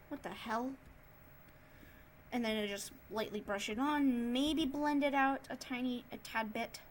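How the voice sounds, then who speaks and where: A woman narrating an improvised tutorial in a casual, subdued and somewhat monotone way. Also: on the high side, slight background noise. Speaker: tutorial host, digital artist.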